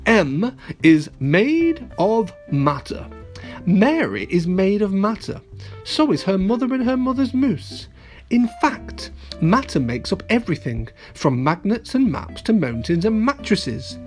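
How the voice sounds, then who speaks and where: A kids show host reading an alphabet storybook aloud to children, expressive and playful, with asides to young listeners. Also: medium pitch, measured pace, soft background music.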